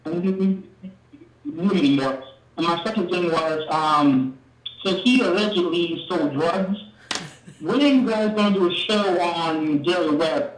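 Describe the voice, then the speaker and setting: A man calling in to a live show, his voice muffled as if heard through a door, talking in halting bursts with restarts. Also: sits high, a little hiss or hum. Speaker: caller. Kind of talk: call-in comments. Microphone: phone line. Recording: muffled phone call from far off with echo.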